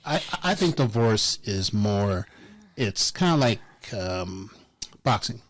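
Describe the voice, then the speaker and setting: A man's voice: fairly low pitch, very animated, slow, a little hiss or hum. A man co-hosting a podcast in casual chat, blunt and joking, often repeating words as he starts a thought. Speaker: podcast co-host.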